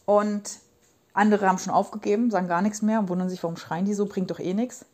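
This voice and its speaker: A woman's voice: medium pitch, fairly even intonation, fast, darkish tone. A woman in her thirties hosting a casual monologue podcast as a parenting coach, talking passionately and rambling with emphatic repetitions. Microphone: podcast microphone.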